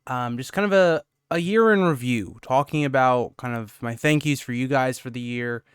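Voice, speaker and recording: A man's voice: mid-range voice, normal speed, clear, resonant tone, dry recording, studio quality. A young man hosting his channel, out of breath after a workout, giving a loose, rambling update with lots of "um" and "kind of". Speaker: YouTube channel host. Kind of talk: casual channel update talk.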